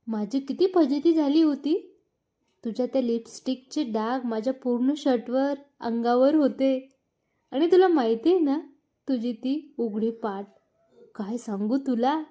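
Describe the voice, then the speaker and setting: Lady doing a playful young husband in a storybook, high mellow voice, teasing. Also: lightly acted. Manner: playful teasing, later scolding. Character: young husband, teasing then pleading and stern. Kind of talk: storybook narration.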